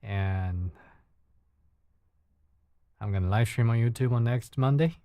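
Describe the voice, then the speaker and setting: A warm, mid-range male voice speaks slowly here, with no room sound. It belongs to a young native Mandarin speaker from China who hosts a casual late-night livestream indoors at home, often repeating words in his Chinese-accented English as he searches for them.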